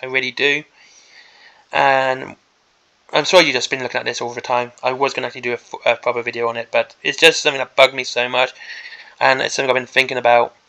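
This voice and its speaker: A man's voice: medium pitch, little pitch movement, fast, sharp tone, low-quality recording. A man hosting an unscripted opinion video, rambling and emphatic, repeating himself, with a voice that is starting to give out. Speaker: hobby video host.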